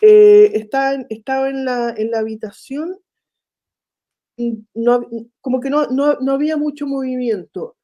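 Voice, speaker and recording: Mellow-voiced Chilean woman telling her story. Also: high-pitched, a little slow. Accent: Chilean Spanish. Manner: animated, acts out quoted dialogue. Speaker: foundation founder and mother. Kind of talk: interview storytelling.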